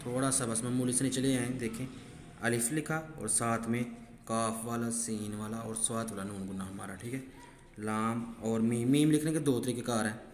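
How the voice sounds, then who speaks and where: Briskly and in a darkish, mid-range voice, a man leads a handwriting lesson, explaining every stroke of each letter with patience, step by step, and repeating "ठीक है." Faint background noise and room echo are audible.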